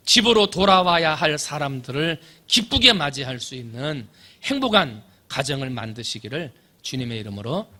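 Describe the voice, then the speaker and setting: Animated pastor preaching. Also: male voice, on the high side. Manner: preaching with dramatic storytelling, swinging from loud to soft. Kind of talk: sermon. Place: church sanctuary.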